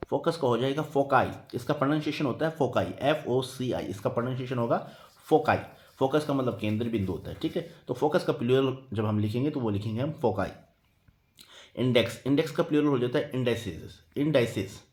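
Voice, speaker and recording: A man's voice: medium pitch, fairly quick, darkish tone. A man teaching English grammar in a Hindi lesson. He spells words out letter by letter and keeps checking in with "theek hai" after each point.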